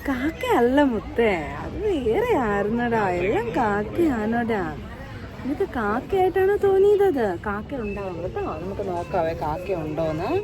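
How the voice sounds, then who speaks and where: A young woman from Kerala talking to her toddler at a zoo, with coaxing, drawn-out baby talk and quizzing questions. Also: a little high, big pitch swings, a crowd in the background. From Kerala, India. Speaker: mom vlogger. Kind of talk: sing-song talk to a toddler. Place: outdoors at a zoo. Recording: outdoor noise behind the voice.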